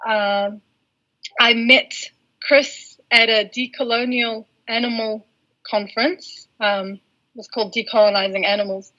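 A woman from Iraq, a guest speaking in a measured way in a podcast interview. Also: on the high side, steady tone, sharp tone, lo-fi sound.

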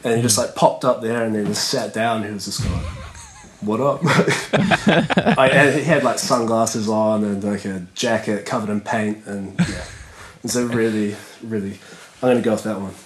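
A man's voice: lowish voice, fairly even intonation, moderate pace, slight background noise, rough recording. A man, a skateboarder chatting as a podcast guest in a laid-back, rambling way full of fillers. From New Zealand. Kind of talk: casual podcast chat.

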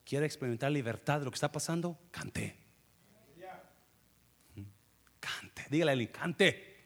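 A man preaching a lively sermon as pastor, acting out scenes, calling out sound effects and laughing. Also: a little high, quick pace. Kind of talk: energetic bilingual sermon. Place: church.

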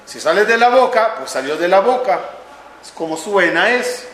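A man's voice: high voice, expressive, normal speed, fairly bright tone, a little hiss or hum. A man teaching a religious class, telling stories and asking questions of the audience. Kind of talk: Torah class to a live audience. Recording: echoey room.

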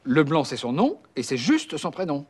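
An actor playing an impatient, scheming, sarcastic man in film dialogue, brisk and condescending. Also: fairly high pitch, huge pitch swings, background noise.

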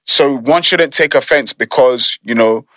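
A man's voice: medium pitch, a little slow, bright, forceful tone, no room sound. A man with a London accent in a casual discussion, speaking earnestly like a pastor giving friendly advice, with British slang.

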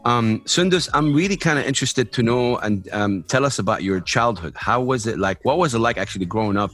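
A man's voice: medium pitch, lively intonation, a little fast, a bit bright. A man hosting an interview show, talking in an enthusiastic, rambling way full of fillers. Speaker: podcast host. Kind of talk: casual interview talk. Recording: dull lo-fi sound, faint music.

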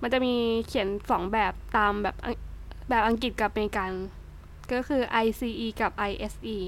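Young woman, Thai accent, high voice, chatty casual tutor, slow word lists. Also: fairly even intonation, a little hiss or hum. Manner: chatty, swears casually, lists words slowly. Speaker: English tutor. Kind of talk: casual vlog-style English lesson.

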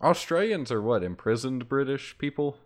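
A man's voice: medium pitch, lively intonation, moderate pace. A man in a casual podcast chat, throwing in jokes and laughing. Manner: joking, laughing interjections.

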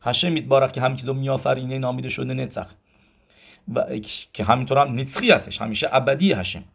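Man, rabbi, religious lesson, gravelly voice, a little husky, explanatory. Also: mid-range voice. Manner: explanatory, counts gematria aloud, asks and answers himself. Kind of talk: Torah lesson in Persian.

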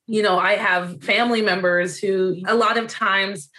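A woman's voice: medium pitch, steady tone, normal speed, sharp tone, rough recording. A woman from Zimbabwe raised in North America, a native Shona speaker, interviewing in a thoughtful, conversational way. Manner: thoughtful, uses "you know" often.

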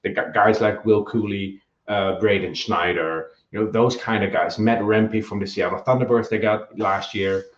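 With a fairly low voice and fairly even intonation, a podcast guest analyst gives his opinions at normal speed, hardly pausing at all. In this casual chat he still often hesitates with ums and restarts sentences, heard through echoey, dull lo-fi remote audio.

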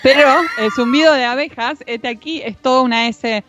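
A woman with a Rioplatense Spanish accent, co-hosting a casual podcast chat, amused and quick to get indignant. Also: high voice, music in the background. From Argentina or Uruguay, living in the United States.

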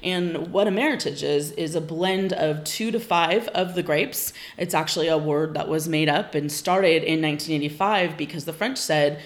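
A woman with a notably low voice talks through wine details as a podcast guest. She explains patiently and informatively, with frequent ums. She is from Northern California. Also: moderate pace, hardly any pauses. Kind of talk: casual podcast interview.

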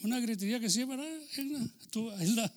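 A man's voice: very high voice, a little fast. A man preaching a chatty, informal sermon, telling stories and asking the congregation questions, now and then slipping into English phrases.

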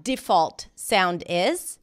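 A pronunciation teacher whose first language is Hebrew explains her approach in an earnest, conversational interview, often restarting her sentences. Her lowish voice is expressive and clean, with words drawn out.

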